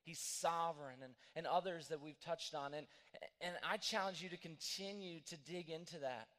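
A man's voice: a little high, normal speed, sharp tone. Guy preaching in church, earnest story mode, restarts a lot, reverby sanctuary. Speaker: pastor. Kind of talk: sermon.

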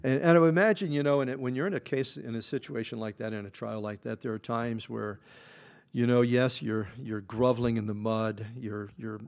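Gravelly-voiced pastor teaching conversationally. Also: male voice, mid-range voice, fairly even intonation, a little fast, darkish tone. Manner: conversational, many fillers and restarts, rises when reading scripture aloud. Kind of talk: midweek Bible-study sermon. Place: church.

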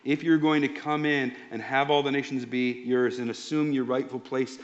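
A pastor preaching a sermon in an emphatic, slow and deliberate way. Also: male voice, medium pitch, fairly even intonation. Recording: dull lo-fi sound.

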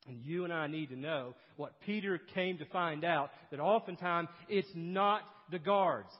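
A man preaching an expository sermon, telling stories and swinging between loud emphasis and hushed, low passages. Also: unhurried. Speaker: pastor. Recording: dull sound with long hall reverb.

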